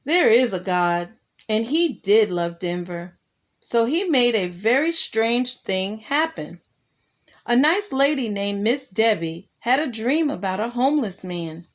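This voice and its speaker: A woman acts as storyteller, reading a children's story aloud with an expressive delivery meant to draw young listeners in. Her voice is a little high and her pace is measured.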